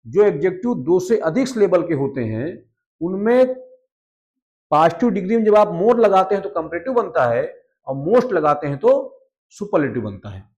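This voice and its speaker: A man teaching a grammar lesson. He repeats each rule in Hindi, reads the English lines slowly and keeps checking in with his listeners. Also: high voice, very animated, darkish tone. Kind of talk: explaining a lesson.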